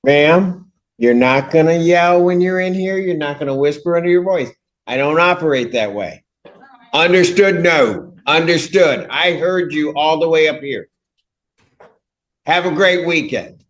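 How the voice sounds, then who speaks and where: A man's voice: a little high, a little slow. A man presiding as a judge in court, curt and admonishing with the parties. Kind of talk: courtroom proceedings.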